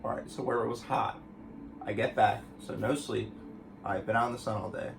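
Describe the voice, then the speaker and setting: A man's voice: fairly low pitch, fairly even intonation, fairly quick, vocal fry, background noise. A young man chatting casually as a guest on his girlfriend's vlog, laid-back and rambling, with restarts. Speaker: boyfriend guest. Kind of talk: casual chat.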